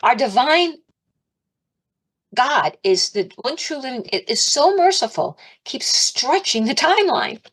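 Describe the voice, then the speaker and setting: A woman giving an informal, chatty sermon, animated, laughing often and raising her voice to act out her pleas to God. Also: sits high, a little slow, husky. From Italian and Irish heritage. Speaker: spiritual teacher.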